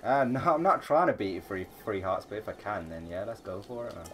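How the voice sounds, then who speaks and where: A man chatting casually while streaming a video game, rambling about plans and gameplay, with loud game music behind him. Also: on the low side, expressive, fast, slight background noise. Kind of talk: casual live-stream commentary.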